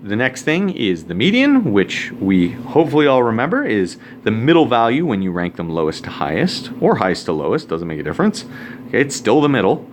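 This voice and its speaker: A male math teacher walks through a recorded lesson in a low voice that swings up and down as he talks. He keeps it casual, dropping joking asides while he writes. A faint hum of room ambience sits behind him. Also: very animated, brisk.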